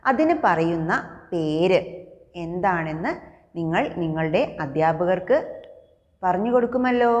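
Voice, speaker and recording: A woman with a Malayali accent teaching young children English, speaking slowly and repeating each new word. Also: lowish voice, a little mellow, in a large hall. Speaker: primary school English teacher. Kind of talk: slow classroom lesson for young children.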